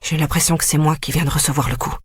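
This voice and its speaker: A narrator reading a thriller audiobook in a grave, even, first-person storytelling manner. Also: medium pitch, fast talker, husky, no room sound, clean studio sound. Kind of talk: scripted narration.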